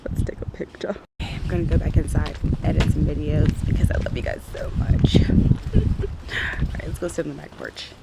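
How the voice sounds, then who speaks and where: A woman's voice: low voice, flat delivery, fairly quick, vocal fry, heavy background noise. A bubbly woman, chatting casually as she films her own vlog on a handheld camera. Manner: bubbly and chatty, often whispering softly indoors. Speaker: vlogger. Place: cabin indoors, then outdoors on a snowy ski slope. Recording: background music over the voice.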